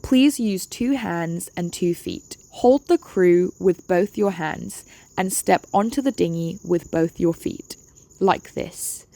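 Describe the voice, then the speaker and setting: A woman presents a safety briefing in a relaxed, mellow voice with noticeable creak. Her instructions are polite, firm and laid out step by step. The sound is dry and close, like narration for a training video. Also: fairly low pitch, slow, no echo.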